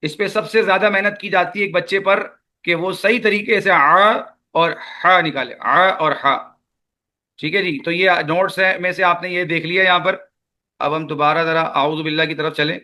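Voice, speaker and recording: A man with a Pakistani Urdu accent leads an online recitation class. He drags out each sound patiently so his students can copy it. His voice sits high and sounds bright. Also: steady tone. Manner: patient, repeats sounds slowly for students to echo. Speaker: Quran recitation teacher.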